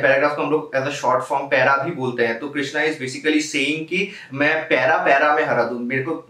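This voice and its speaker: A man's voice: medium pitch, fairly bright tone, far from the mic. Man explaining rap lyrics in a roomy echo. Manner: explanatory, mixes English into his talk, laughs now and then. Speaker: reaction video host. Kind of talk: casual rap breakdown commentary. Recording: roomy, off-mic home recording.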